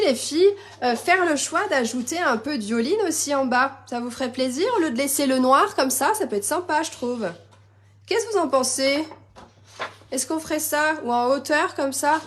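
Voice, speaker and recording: A woman hosting a live crafting tutorial, chatty and bubbly, answering viewer comments as she works. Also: high voice. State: slightly losing her voice, coughing. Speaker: crafting demonstrator and live-stream host.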